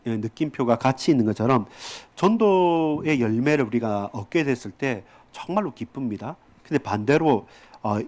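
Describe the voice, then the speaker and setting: Male pastor, conversational sermon delivery, medium pitch. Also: a little mellow. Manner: explanatory, conversational preaching with fillers.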